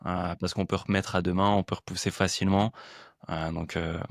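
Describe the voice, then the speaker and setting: A man's voice: deep voice, flat delivery, fairly quick, no echo, studio quality. A man hosting a casual podcast conversation and coaching, talking in a hesitant, laid-back way with many fillers.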